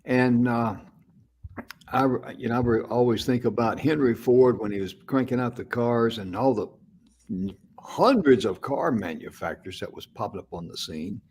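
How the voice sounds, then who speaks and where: A man's voice: medium pitch, moderate pace, a little mellow, slightly rough. A man co-hosting an inspirational talk show, chatting casually in a folksy way and acting out quotes. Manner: folksy, chuckling, acts out quotes. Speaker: co-host and producer.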